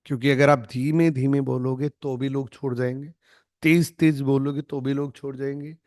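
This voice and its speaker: A man's voice: medium pitch, little pitch movement, moderate pace, a little mellow, no room sound, studio quality. A man leading an online network marketing training, emphatic and demonstrative, acting out lines to show tone. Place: online video call.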